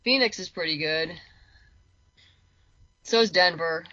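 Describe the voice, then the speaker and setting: This comics and audio drama creator talks as a podcast guest in an easy, meandering way, doubling up words to stress them. She speaks unhurriedly at a fairly low pitch with a bright, forceful tone, recorded with no room sound and dull audio.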